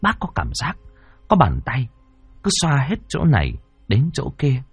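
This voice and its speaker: A man narrating a spooky folk tale in a dramatic, expressive way. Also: medium pitch, unhurried, breathy edge, no echo, faint music behind. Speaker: storyteller.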